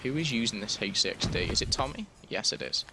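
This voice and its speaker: A man's voice: on the low side, animated, quick pace, background noise. A man giving chatty, analytical color commentary on an esports match, with joking asides.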